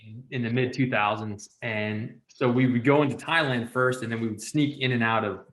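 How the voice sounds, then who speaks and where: A man hosts a podcast, spinning a casual story with lots of "like" and "you know" fillers. His voice sits at a middling pitch. The room around him rings with noticeable echo. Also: fairly even intonation, normal speed, a bit bright. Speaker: podcast host.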